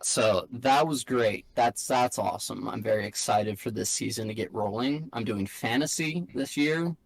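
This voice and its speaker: A man's voice: mid-range voice, normal speed, vocal fry, poor audio. A man co-hosting a podcast over a video call, chatting casually in a laid-back, dry way. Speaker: podcast co-host. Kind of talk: casual chat. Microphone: video call microphone.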